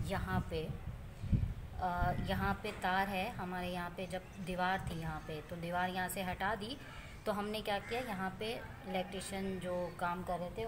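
A woman's voice: fairly low pitch, background noise. A woman from Pakistan chatting casually to her viewers in a vlog, telling a story and pointing things out around her. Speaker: vlogger. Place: rooftop outdoors.

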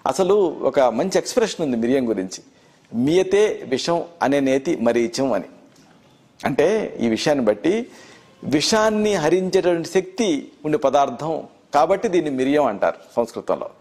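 A middle-aged Telugu-accented man with a slightly raised voice, teaching health tips as a doctor. He lists remedies in a measured, steady way, repeating phrases as he goes. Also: on the high side. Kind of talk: instructional health talk.

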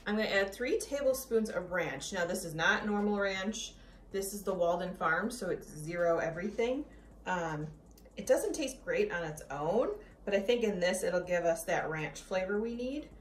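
A young woman, a cooking vlogger, walks viewers through a recipe in an easygoing, chatty way, tasting as she goes. Her medium-pitched, expressive voice moves at normal speed and is recorded from a distance in an echoey home kitchen with clear background noise.

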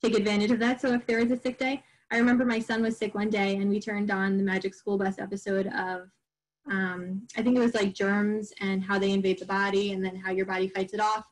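A woman's voice: mid-range voice, level tone, a little fast, low-quality recording. A middle-aged woman from Long Island giving an informal presentation to parents, chatty and full of fillers and restarts. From Long Island, New York. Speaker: homeschool group presenter. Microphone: recorded online program.

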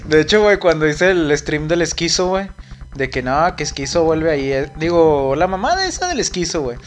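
A man's voice: a little high, very animated, moderate pace. A young man with a Mexican accent streaming a game and chatting casually, rambling and swearing a lot, saying "güey" constantly. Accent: Mexican Spanish. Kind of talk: casual chat while gaming on a live stream.

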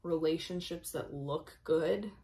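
A young woman with a gravelly, fry-touched voice pitched a little low. She answers in short, laid-back replies and teases her partner in a casual chat. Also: slow pace, warm tone. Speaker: guest, host's wife.

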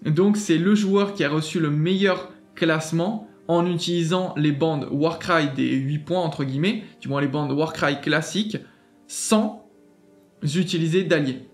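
A man's voice: on the high side, measured pace, soft background music. Chatty French-speaking man, upbeat. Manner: chatty, enthusiastic, many fillers and restarts. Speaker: gaming channel host. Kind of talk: casual screen walkthrough.

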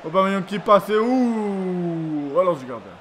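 A man commentating his own football video game match, excitable and repeating his exclamations, sounding freshly woken up. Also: high-pitched, measured pace. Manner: excitable, repeats phrases, lots of ooh-la-la exclamations. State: just woke up, yawning. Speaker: gaming YouTuber. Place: home room at a computer. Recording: noisy home recording.

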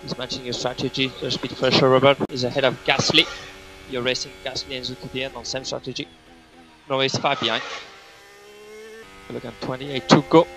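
A man's voice: medium pitch, little pitch movement, brisk, long pauses, a bit bright, low-quality recording. A man working as race engineer, giving terse, repetitive, clipped instructions over race car team radio. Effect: team radio transmission.

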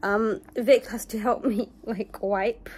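A woman's voice: fairly high pitch, steady tone, takes it slowly, darkish tone, breathy edge. A young woman vlogging while recovering from surgery, talking to viewers with a shaky, pained voice. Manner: chatty, talks to viewers. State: shaky voice, in pain. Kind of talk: casual vlog.

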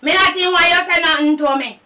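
A Jamaican actress playing a nagging, demanding girlfriend, scolding and shouting in a sing-song patois. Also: very high voice, steady tone, fast talker. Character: nagging, demanding young woman, sharp-tongued girlfriend. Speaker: actress in a low-budget film. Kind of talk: Jamaican film acting in patois. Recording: distant mic with faint noise.

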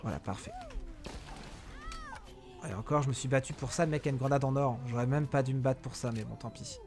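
A young man giving excitable live commentary on a mobile game, talking to his viewers and yelling at opponents. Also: mid-range voice, a little fast, over music. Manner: excitable, shouts during fights, talks to viewers and enemies. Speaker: gaming YouTuber.

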